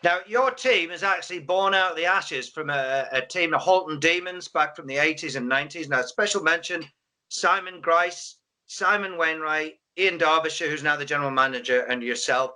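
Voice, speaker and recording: A man's voice: fairly high pitch, moderate pace, pushed and bright. A man interviewing coaches on a sports live stream, chatty and prone to restarting his questions. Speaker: interviewer at a football final.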